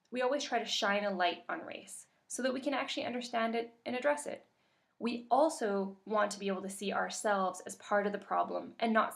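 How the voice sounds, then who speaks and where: A medium-pitched, creaky voice belongs to a Canadian woman facilitating a workshop webinar. She stays calm and measured, with the odd filler slipping in.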